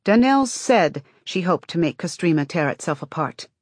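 A woman voicing a stern, impatient woman in audiobook dialogue, sharp and firm like a teacher quieting a classroom. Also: lowish voice, animated, moderate pace, no room sound, clean studio sound. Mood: sharp, commanding.

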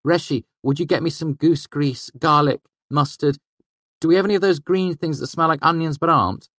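A man reading an audiobook, voicing a quick, mischievous young male companion who speaks urgently. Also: a little high, a bit bright, no echo, pitched above the performer's own voice. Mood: brisk. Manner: quick, urgent, hissing when secretive.

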